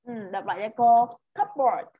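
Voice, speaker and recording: A woman's voice: fairly high pitch, lively intonation, normal speed, slightly rough, no echo. A woman with a Vietnamese accent teaching English to a child in an online lesson, patiently drilling pronunciation and encouraging the student. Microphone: video call. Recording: dull, dry video call audio.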